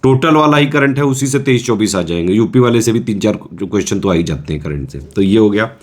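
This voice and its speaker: A man's voice: lowish voice, lively intonation, fast talker. A man coaching exam students in a casual, reassuring lecture, often checking in with his listeners.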